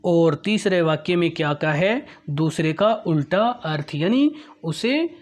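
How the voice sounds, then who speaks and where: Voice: mid-range voice, expressive, unhurried. A teacher explaining a grammar lesson patiently, repeating points and often telling listeners to look, with English terms mixed in. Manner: mixes English terms into Hindi.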